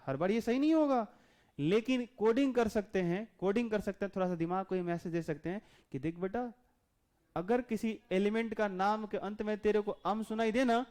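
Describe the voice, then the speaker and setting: A male teacher leads a chemistry lesson in a high, clear, resonant voice. He is patient, keeps checking whether the class follows, and stretches out each item when he reads a list aloud. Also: a little mellow. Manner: patient, repeats questions to the class; drawn-out enumerating of names.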